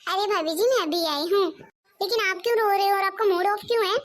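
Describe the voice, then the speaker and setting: A woman's voice: very high-pitched, fast talker. Cartoon: persuasive young sister-in-law, presses her case; a woman voices her.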